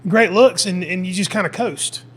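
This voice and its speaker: A man's voice: high-pitched, moderate pace, fairly bright tone, breathy edge. A middle-aged man hosting a podcast in casual chat, rambling, repeating words and swearing now and then. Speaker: podcast host.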